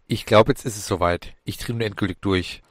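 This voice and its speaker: A man's voice: on the low side, fairly quick, dry recording, studio quality, natural voice. A man reading a bewildered family man. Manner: bewildered, anxious questions. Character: frightened, decent family man hearing a voice.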